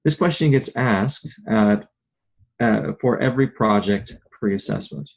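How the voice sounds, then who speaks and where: A man calmly walking a club through an online module over a video call, explaining step by step. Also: on the low side, unhurried, vocal fry, low-quality recording. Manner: calm, methodical explaining. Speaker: club presenter. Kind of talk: screen-share walkthrough on a video call.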